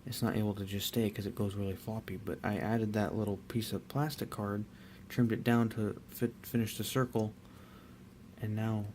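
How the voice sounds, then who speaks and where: Relaxed, rambling man with a flat voice. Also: fairly low pitch, moderate pace, a little hiss or hum. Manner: rambling, relaxed, many fillers and restarts. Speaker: miniature painter. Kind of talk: casual hobby tutorial.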